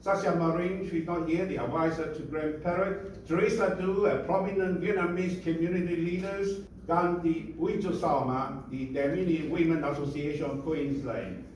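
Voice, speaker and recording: A man's voice: on the high side, moderate pace, hardly any pauses, a little mellow, slight background noise. A man acting as master of ceremonies, reading out guest names and titles in a formal way with brief asides at an outdoor community event. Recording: echoey PA sound from a distance.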